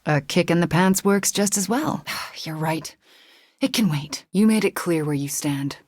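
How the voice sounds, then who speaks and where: Casting: young witch hero, video game. Lowish, husky, breathy, earnest and determined, haunted by guilt; bone-dry studio sound. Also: a little slow, darkish tone, dry recording. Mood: earnest, measured. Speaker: voice actor. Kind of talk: video game character voice lines.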